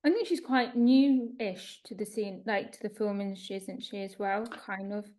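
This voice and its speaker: A woman's voice: mid-range voice, normal speed, mellow. A woman interviewing an actor, asking casual questions in a chatty, informal way and tripping over words now and then.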